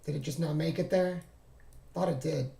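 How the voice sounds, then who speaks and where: Talking at a normal speed, this male trading streamer goes over his charts in a relaxed screen-share, musing aloud and frequently stopping to fix what he said. He is losing his voice, which sounds gravelly, fading, slightly high, and mellow with a darkish tone. There is a clear room echo and slight background noise.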